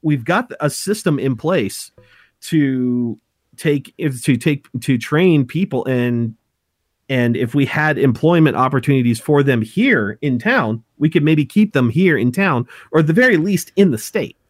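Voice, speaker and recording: A man's voice: mid-range voice, animated, no room sound, clean studio sound. A man in his thirties from Montana, co-hosting a casual talk show, often restarting and correcting himself as he goes. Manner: halting, many restarts and self-corrections. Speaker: podcast co-host. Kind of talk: casual chat.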